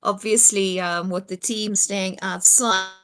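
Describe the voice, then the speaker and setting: A woman's voice: mid-range voice, steady tone, unhurried. A woman in the middle of her range speaks as a player in a tabletop game over an online call. She talks hesitantly, feeling her way with fillers. Her voice keeps cutting out over a bad bluetooth connection.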